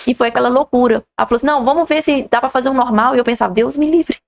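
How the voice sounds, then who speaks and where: Rapid-fire Brazilian woman with gravelly voice. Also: fairly high pitch. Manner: animated retelling with quoted dialogue. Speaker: podcast host. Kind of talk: personal storytelling in conversation.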